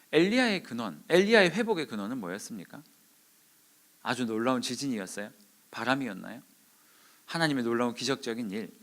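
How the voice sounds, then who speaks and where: A man preaching a sermon to young adults, dramatic and acting out quoted voices, swinging from hushed to loud. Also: mid-range voice. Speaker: youth pastor.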